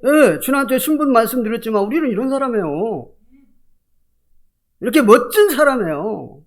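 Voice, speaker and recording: An older male pastor preaching a sermon with animated delivery, often quizzing the congregation. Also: extremely high pitch, normal speed.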